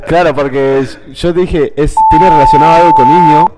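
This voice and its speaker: A man's voice: on the high side, steady tone, moderate pace, over loud music. A man, playing a guessing game on a live stream, thinking aloud and repeating himself.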